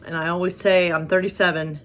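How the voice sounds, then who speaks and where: A woman's voice: lowish voice, level tone, brisk. Chatty self-deprecating woman pastor in her thirties. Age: 30s. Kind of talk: casual devotional video talk and reading aloud.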